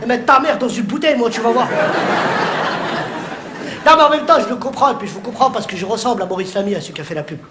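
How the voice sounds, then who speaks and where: A man performing stand-up comedy, teasing the crowd in rapid banter and shouting his punchlines. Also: very high voice. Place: theatre stage before a live audience. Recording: live show with audience laughter and noise.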